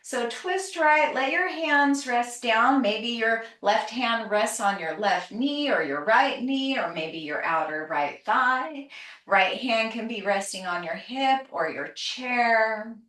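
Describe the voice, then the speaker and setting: In a roomy space, a little far from the microphone, a woman leads a calm grounding exercise as a yoga teacher. She gives breath and movement cues very slowly, in a gentle, soothing manner at a medium pitch. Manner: gentle, soothing, unhurried instruction. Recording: roomy echo, distant microphone.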